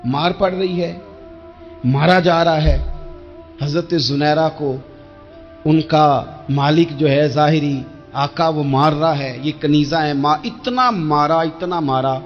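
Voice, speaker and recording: A man's voice: on the high side, steady tone. A male preacher delivering an impassioned sermon, repeating phrases for emphasis and reciting verse. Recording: dull recording with faint music.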